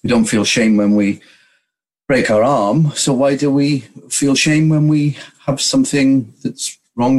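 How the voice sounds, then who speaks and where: A middle-aged man speaking openly and personally as he leads a discussion. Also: medium pitch. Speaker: music college director leading a discussion.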